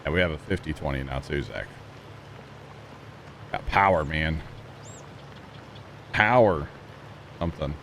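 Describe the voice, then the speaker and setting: A man's voice: rumbling low, a little slow, pauses often, slight background noise. A man on a livestream, talking casually into a headset mic while he plays a farming game and greets his chat. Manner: greets chat viewers casually, relaxed and chatty.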